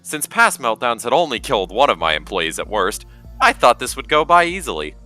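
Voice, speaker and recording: A man's voice: medium pitch, very animated, brisk, sharp tone, faint music behind. A man narrating a gameplay video in a scripted way, with wry, self-deprecating humor. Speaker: gaming video creator.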